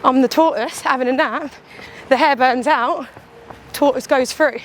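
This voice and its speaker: A woman with a high voice chats to the camera while running outdoors. Her delivery is candid and animated, a casual vlog monologue that slips into little imagined quotes. Faint traffic and ambient noise sit behind her. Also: measured pace. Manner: talking while out on a run. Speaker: runner and vlogger.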